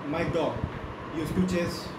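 A man's voice: on the high side, slow. A young man with an Indian accent bantering casually and telling jokes. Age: young adult. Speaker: contestant in a dad-joke challenge. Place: small indoor room, across a table. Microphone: distant camera mic. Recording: roomy, distant, loud background noise.

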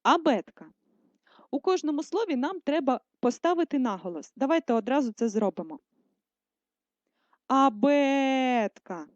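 Woman teacher, high voice, slow careful talk for little kids, dry dull lo-fi sound. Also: expressive, dry recording. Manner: slow, careful, drawing out words to stress them. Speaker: primary school teacher. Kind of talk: video lesson for first graders.

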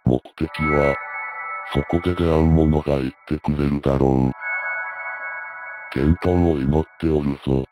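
Ancient spirit voice, very deep, very slow, grave, archaic, commanding, loud game music behind. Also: male voice, little pitch movement. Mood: solemn. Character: ancient booming male spirit voice, solemn guide.

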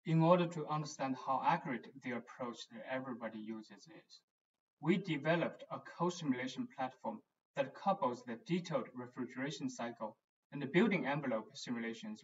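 A man, a research engineer, giving a scripted, measured technical explanation as a voice-over for presentation slides. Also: medium pitch. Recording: distant, dull lo-fi voice-over.

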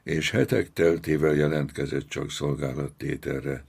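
A man narrating a novel as an audiobook, measured and dramatic. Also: very deep voice, steady tone, vocal fry, darkish tone, breathy edge. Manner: slow, measured, dramatic storytelling.

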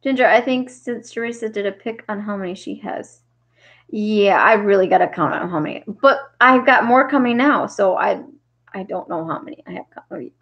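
A woman hosts a casual crafting livestream, chatting with viewers and reading their comments aloud while laughing often. Her voice is medium-pitched at a moderate pace, and the audio is dull.

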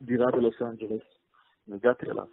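Man, rabbi, radio interview guest, storytelling, gravelly voice, tinny phone line. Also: medium pitch, flat delivery. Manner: anecdotal storyteller, halting with fillers.

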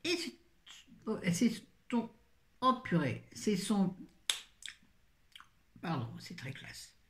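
A woman's voice: medium pitch, sing-song, slow pace, a bit bright, echoey room, a little hiss or hum. An older woman reviewing books in a casual, rambling chat full of self-mocking asides. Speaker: book vlogger.

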